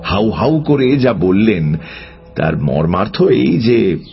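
A man narrating a story with an expressive, varied delivery. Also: fairly low pitch, slow, creaky. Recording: dull lo-fi audio with music.

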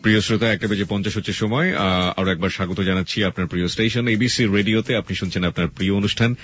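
A man hosting a talk radio show, speaking earnestly to listeners with drawn-out "ah" fillers, heard through an AM radio broadcast. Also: on the low side, fairly even intonation, a bit bright, faint music behind. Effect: lo-fi AM radio broadcast sound. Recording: muffled band-limited radio broadcast.

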